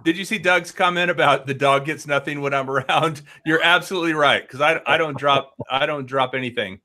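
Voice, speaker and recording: A man in his late forties, a guest on an online video-call chat, telling rambling stories in a lively, animated way. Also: on the high side, brisk. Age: 40s. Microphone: headphones and laptop on a video call.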